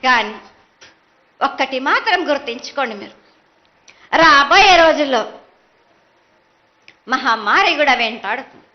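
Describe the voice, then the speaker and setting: Telangana woman doing prophecy in a trance, bossy goddess oracle, really high voice swinging up and down. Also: animated, a little slow, long pauses. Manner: imperious, speaking as a mother goddess in a trance. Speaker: oracle delivering the yearly festival prophecy as the goddess. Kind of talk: prophetic trance oration in short chanted bursts. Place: live temple festival ceremony. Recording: dull, band-limited live event sound.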